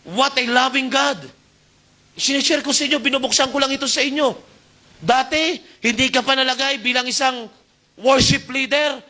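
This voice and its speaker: A man preaching to a youth service, exhorting and calling for amens, his delivery swinging between loud and soft. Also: extremely high pitch, steady tone, normal speed. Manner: exhorting, calls for amen, shifting loud and soft. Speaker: youth pastor. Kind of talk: Taglish sermon.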